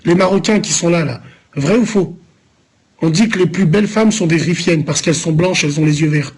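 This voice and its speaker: A man's voice: a little high, fairly quick, slightly rough. A man from Lyon, France, streaming live, answering viewers in a loose, rambling, teasing way full of street slang. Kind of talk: casual live-stream chat.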